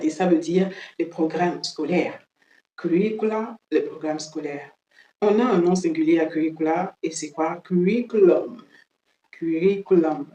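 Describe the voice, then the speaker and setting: A woman's voice: lowish voice, warm tone, echoey room, dull audio. A woman teaching English in French who drills each word by repeating it several times. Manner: slow, drills words by repeating them. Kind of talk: French-language English lesson.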